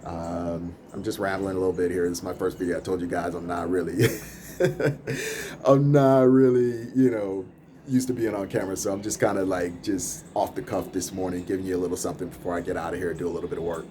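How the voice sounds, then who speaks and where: A podcast host and music producer, a native English speaker, rambles casually on camera from a big-city apartment, filming out over the rooftops. His low voice moves fairly quickly, and he stays relaxed, laughing between thoughts. There's a little hiss or hum in the audio.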